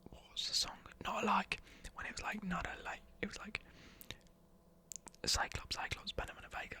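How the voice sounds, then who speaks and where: An ASMR vlogger, a young adult, whispers a casual and enthusiastic music review, swearing now and then and muttering lyrics under their breath. The mid-range voice is bright and forceful, with vocal fry and a breathy edge.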